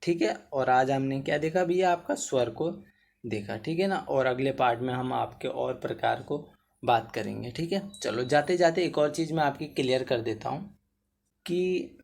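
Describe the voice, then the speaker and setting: A man's voice: medium pitch, moderate pace, vocal fry, darkish tone. A male Hindi teacher giving an exam-prep grammar lesson, keeps asking "theek hai na" and stretching vowels out to show how long they last. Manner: addresses students as bhaiya, repeats "theek hai na"; drawls vowels to demonstrate length.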